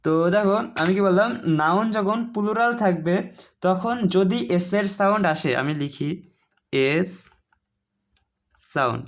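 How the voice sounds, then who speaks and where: High-voiced man teaching grammar. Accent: Bengali. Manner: chatty, keeps asking "ঠিক আছে?"; explains slowly, repeating each rule. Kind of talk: casual online grammar lesson.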